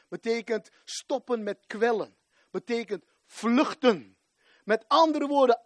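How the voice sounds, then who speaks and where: A man in his forties preaching a fervent sermon, rising to shouts at the climaxes. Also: high voice, no room sound, studio quality.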